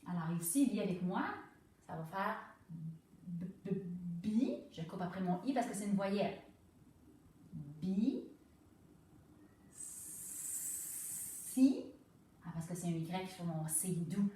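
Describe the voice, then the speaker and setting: Patient teacher sounding words out slowly. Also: female voice, on the low side, warm tone, recorded from a distance, slight background noise. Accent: Quebec French. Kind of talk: reading lesson for young children. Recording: very echoey room, away from the mic.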